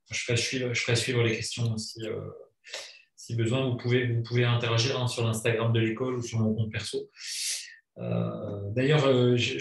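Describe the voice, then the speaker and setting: A man hosting a live panel talk show in a casual, conversational way. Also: mid-range voice. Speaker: host of a wine talk show. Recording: roomy echo, distant mic.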